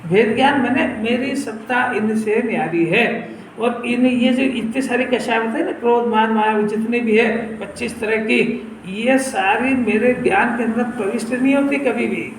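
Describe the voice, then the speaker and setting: A man's voice: very high voice, measured pace, reverberant, a little hiss or hum, rough recording. A man giving a scripture sermon, explaining and often asking his listeners whether they have understood. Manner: explanatory, questioning listeners, lively. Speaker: Jain scripture teacher. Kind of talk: sermon discourse.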